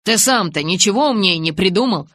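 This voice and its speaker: A brash young male werewolf talks loud and cocky, mocking and snapping at his rival, as an audiobook reader puts him on. His voice comes through dry and close. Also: medium pitch, animated, a little fast, no room sound.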